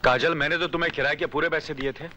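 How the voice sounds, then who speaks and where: A man's voice: a little high, steady tone, quick pace, bright, forceful tone, dull audio, a little hiss or hum. An actor playing a harried husband who argues with his wife and placates his landlord in a film drama. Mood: exasperated. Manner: exasperated, placating.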